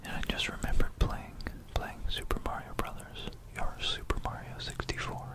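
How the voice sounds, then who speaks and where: This is an ASMR host narrating history informally and in a rambling way, whispering breathily without voicing, right up against a binaural mic. They pause haltingly, muse aloud, and repeat phrases.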